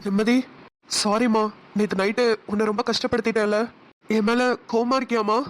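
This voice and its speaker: A woman voicing an earnest, hot-tempered young husband in a cartoon, talking quickly. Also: a little high, level tone, loud music behind the voice, close to an everyday voice. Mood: tender, pleading. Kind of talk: cartoon voice acting.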